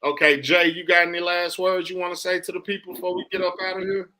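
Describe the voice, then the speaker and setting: Impassioned man, bright forceful voice. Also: high-pitched, flat delivery, quick pace, faint music behind. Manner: impassioned soapboxing, emphatic and repetitive; casual, slangy, profane speech. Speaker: podcast host. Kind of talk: conversational podcast monologue.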